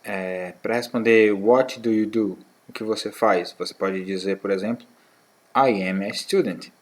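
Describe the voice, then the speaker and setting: A man teaching a beginner English lesson to schoolchildren, saying model phrases slowly and repeating them, checking in with short "tá?" tags. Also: on the low side, fairly even intonation. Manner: slow, drawn-out model phrases, repeated for practice; fillers like "tá?" and "né". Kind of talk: English lesson for sixth graders.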